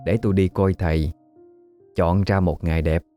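A man's voice: sits low, fairly even intonation, normal speed, warm tone, soft background music, natural voice. A man voicing a scheming, domineering older village woman in a spoken ghost story. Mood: falsely polite.

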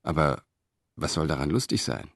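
A man's voice: rumbling low, animated, normal speed, creaky, no room sound, clean studio sound, exaggerated voice. Man doing a worried cautious Roman brother. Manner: anxious, doubtful.

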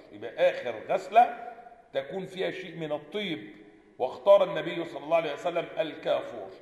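Egyptian sheikh teaching in an echoey hall. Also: male voice, on the high side, vocal fry, darkish tone. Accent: Egyptian Arabic. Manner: switches between formal Arabic and Egyptian colloquial. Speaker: sheikh teaching a book on funeral rulings. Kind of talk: religious lesson explaining hadith. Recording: echoey hall with long reverb.

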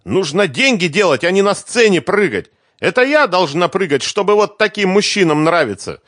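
Svetlana, a shrill hysterical young woman, as a man puts her on. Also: normal speed, no room sound, studio quality, natural voice. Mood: scolding. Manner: shrieking, sobbing, scolding. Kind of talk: audiobook character voice.

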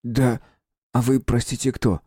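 A man's voice: medium pitch, flat delivery, measured pace, warm tone, husky, no echo, clean studio sound, pitched above the performer's own voice. A man voicing a polite, curious young boy in an audiobook, asking hesitant questions. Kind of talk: audiobook character voice.

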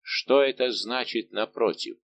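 A man's voice: medium pitch, unhurried, lightly acted. A man reading an audiobook, voicing a haughty young king who questions and rebukes with indignation. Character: haughty young male king, imperious and angered.

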